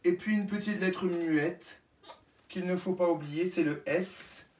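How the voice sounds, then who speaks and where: A woman first-grade teacher giving a slow dictation lesson to young children, spelling each word out letter by letter and repeating it. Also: on the low side, darkish tone, a little hiss or hum. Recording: echoey room, voice from a distance.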